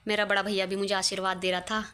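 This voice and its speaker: Young woman, bright, chatty and laughing, casual vlog. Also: medium pitch, flat delivery, fast talker, clear, resonant tone. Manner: chatty, laughing often, near tears at times. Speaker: vlogger showing her wedding photos. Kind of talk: casual chat.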